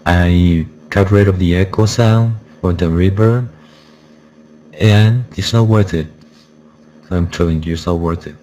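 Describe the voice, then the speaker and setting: Speaking through a voice changer, a software reviewer sounds deep and dark, moving at a measured pace with frequent pauses. His casual review is insistent and repetitive as he warns listeners, and background noise is audible.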